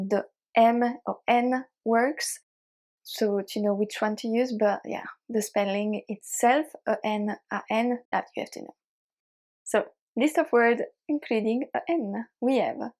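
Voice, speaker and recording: French-accented woman teaching, higher-pitched voice. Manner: instructional, enunciates example words one by one. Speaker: language teacher. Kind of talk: pronunciation lesson to camera.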